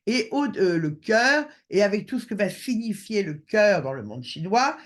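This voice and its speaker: A man's voice: high voice, big pitch swings, normal speed. A man giving an online lecture over a video call, hesitant with many filler sounds.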